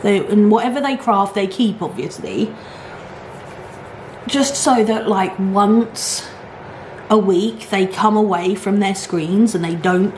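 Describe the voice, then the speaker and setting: A woman's voice: medium pitch, darkish tone. Chatty woman in an echoey room. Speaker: mukbang vlogger. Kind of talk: casual chatty rant to camera. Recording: echoey room, clear background noise.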